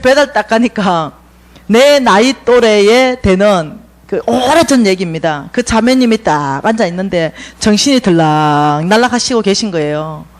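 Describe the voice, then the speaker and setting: Woman, middle-aged, Gyeongsang accent, church seminar speaker, lively storyteller, very animated pitch. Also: moderate pace. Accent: Gyeongsang Korean. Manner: animated, acts out dialogue with big shifts in pitch and volume. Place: church lecture hall.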